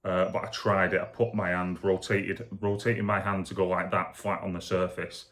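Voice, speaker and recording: A man speaking candidly and casually in a rambling video diary, foggy and low on energy after surgery. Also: level tone, normal speed, a bit bright. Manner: rambling, candid, matter-of-fact. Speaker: vlogger recovering from shoulder surgery.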